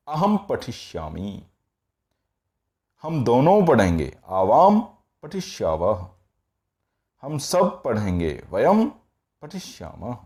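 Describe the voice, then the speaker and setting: A man's voice: on the low side, darkish tone. A man teaching Sanskrit grammar in a patient, repetitive classroom style, checking in often as he goes. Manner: patient, repeats each form slowly, often says "all right".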